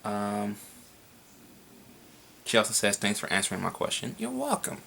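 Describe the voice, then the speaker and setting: A young man rambles through viewer questions in a casual home vlog. His voice sits low with a gravelly edge but a bright, forward tone, and he swears freely. A faint hiss hangs behind the camera mic. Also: flat delivery, measured pace. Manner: rambling, frequent swearing, laughs. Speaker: vlogger answering viewer questions.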